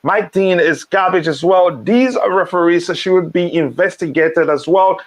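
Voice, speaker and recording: A man who grew up in Nigeria hosts a casual live-stream football talk. His voice sits a little high for a man. He reads chat comments aloud and fills gaps with ums and restarts. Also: measured pace.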